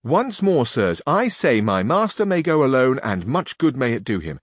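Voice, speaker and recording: A man's voice: medium pitch, very animated, normal speed, no room sound, clean studio sound. A man voicing a grumbling peasant squire. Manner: blunt, grumbling, folksy. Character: complaining stubborn peasant squire, male, middle-aged. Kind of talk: audiobook reading.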